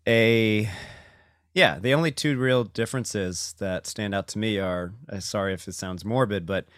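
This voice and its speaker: A man's voice: fairly low pitch, normal speed, fairly bright tone, dry recording, clean studio sound. A man hosting a casual video call chat, talking in a thoughtful, hedging way with many fillers.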